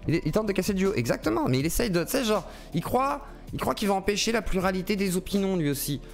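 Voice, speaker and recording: A man's voice: sits high, big pitch swings, quick pace, creaky, soft background music. A man live-streaming, reacting to a video with an indignant, crude rant and mocking put-on voices. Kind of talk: ranting live-stream commentary.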